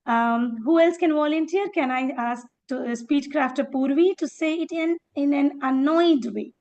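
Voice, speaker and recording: A woman teaching a speaking workshop in a fairly high voice with a gravelly edge. She calls on participants one by one, praises them, and acts out sample phrases to show each tone. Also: normal speed, a little mellow, dull audio. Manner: encouraging, calls on participants by name; demonstrates tones by acting out phrases. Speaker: workshop educator.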